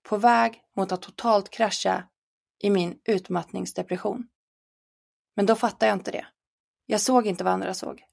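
A woman with a Swedish accent reading her personal story aloud, in an earnest, measured first-person telling. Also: mid-range voice, steady tone, creaky. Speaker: narrator.

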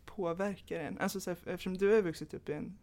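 A young woman co-hosting a podcast, asking questions thoughtfully and slowing down as she searches for words. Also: lowish voice, a little mellow. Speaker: podcast host. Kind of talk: casual chat.

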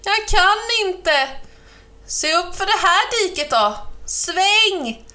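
A woman reading a storybook aloud and voicing a fussy, dramatic male crow with a shrill, exclaiming voice. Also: lively intonation, pushed and bright, heavily acted. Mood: exasperated.

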